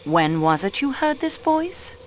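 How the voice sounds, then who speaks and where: A woman playing a patient, courteous investigator for a detective, asking questions in a formal, calm way. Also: medium pitch, unhurried, slight background noise. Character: polite, patient assistant to a French detective.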